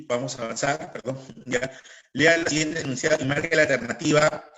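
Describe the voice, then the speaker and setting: A man's voice: a little high, bright, forceful tone, low-quality recording. A man teaching a grammar class online, who keeps checking that his students are following.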